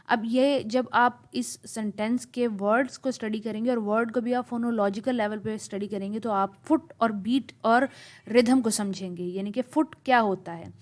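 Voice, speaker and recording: A woman's voice: a little high, a little mellow. A woman giving a lecture on poetry. She explains step by step and reads lines of verse with strongly marked stress. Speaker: literature teacher.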